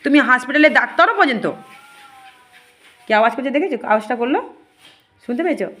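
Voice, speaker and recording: A woman's voice: high voice, lively intonation, fast talker, sharp tone. A woman spiritual healer, earnestly addressing devotees and viewers and repeating herself often. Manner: earnest, repetitive, often asks "ঠিক আছে?".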